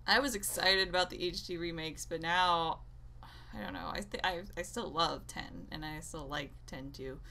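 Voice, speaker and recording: Her voice is fairly low and sharp, at a normal speed, as this woman gaming creator vents to viewers in an off-the-cuff, opinionated rant. She's casual, exasperated and rambling, frequently cutting herself off.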